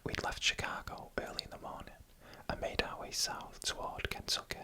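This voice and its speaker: This narrator reads a written story in a sharp-toned, breathy ASMR whisper. Each phrase is slow and deliberate, with brief pauses in between.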